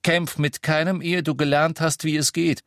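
A man voicing a calm, firm father seeing his sons off. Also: a little high, moderate pace, no room sound, clean studio sound, pitched above the performer's own voice. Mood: reassuring. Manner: firm, reassuring.

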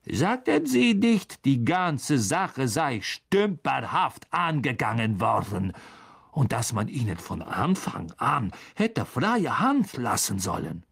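A reader voicing a cold, sarcastic male teacher who speaks slowly in a low, hissing tone. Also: sing-song, vocal fry, a bit bright, breathy edge, heavily acted. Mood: sneering.

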